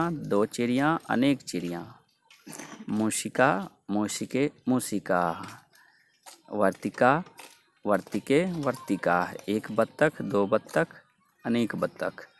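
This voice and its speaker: A man's voice: lowish voice, creaky, slight background noise. A male teacher explaining grammar and reciting word forms for students to repeat. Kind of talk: Sanskrit grammar lesson with drills.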